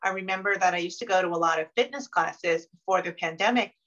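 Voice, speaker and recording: A woman with a lowish voice tells her story in an earnest, reflective way. The recording sounds dull and lo-fi, with the top end muffled. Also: quick pace, fairly bright tone. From Maryland, United States. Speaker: interviewee, consultant. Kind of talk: conversational interview answers.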